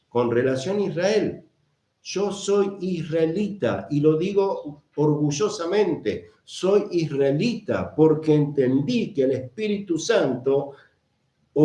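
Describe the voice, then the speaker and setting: A man's voice: on the high side, dark tone. A man preaching a sermon, emphatic, repeating phrases and answering his own questions. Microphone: camera mic. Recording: echoey room.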